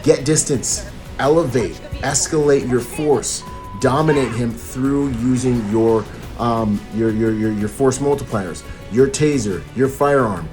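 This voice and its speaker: Soft background music plays under a man whose mid-range voice is a little mellow and measured in pace. Working as a protection professional, he analyzes video in slangy, informal commentary, hammering points home through repetition.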